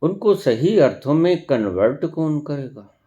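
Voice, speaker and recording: Slow, lilting male spiritual teacher. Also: on the high side, very animated, dark tone, dull audio. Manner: slow, deliberate, rhetorical questions. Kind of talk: spiritual discourse.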